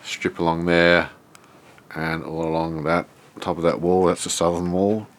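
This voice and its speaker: Man, Australian accent, low-pitched, congested nose, laid-back, thinking aloud, casual video walk-through. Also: little pitch movement, a little slow, a little hiss or hum. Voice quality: stuffed-up, nasal from a blocked nose. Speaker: vlogger showing a self-built shed.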